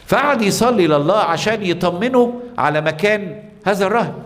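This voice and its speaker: A man's voice: sits high, expressive, fairly quick, long reverb tail. A man with an Egyptian Arabic accent, a priest preaching a sermon, telling stories and putting rhetorical questions to the congregation.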